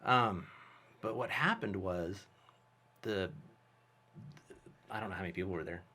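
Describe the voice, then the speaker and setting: A man, a guest filmmaker, telling a story in casual, animated conversation. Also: low voice, a little slow, husky. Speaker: guest, special effects artist and filmmaker.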